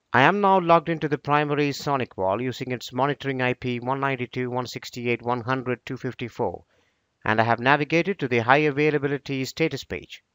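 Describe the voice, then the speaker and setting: Dry, steady male tutorial narrator. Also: mid-range voice, no echo. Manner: steady, instructional. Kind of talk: scripted screen-recording tutorial narration.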